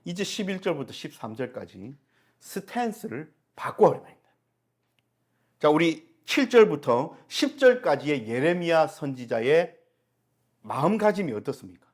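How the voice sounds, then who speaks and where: A man's voice: a little high, breathy edge. A middle-aged male pastor preaching a Sunday sermon, asking the congregation rhetorical questions and answering them himself.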